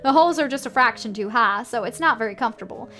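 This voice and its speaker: High-voiced woman streaming a video game. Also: lively intonation, quick pace, pushed and bright, soft background music. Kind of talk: video game playthrough, reading text aloud with casual reactions.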